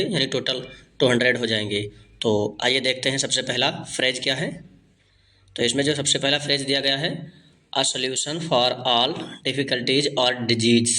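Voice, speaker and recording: A man teaches one-word substitutions as an exam-prep lesson. He reads each phrase slowly and deliberately, then explains it in Hindi and repeats the answer. His voice sits at an ordinary middle pitch. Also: a bit bright. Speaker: English vocabulary teacher.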